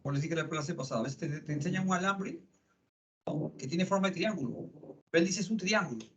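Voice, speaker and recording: Male lecturer, middle-aged, fairly high voice, chatty with tag questions, dull lo-fi classroom recording. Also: fairly quick, fairly bright tone. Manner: conversational, frequent tag questions. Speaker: psychology lecturer.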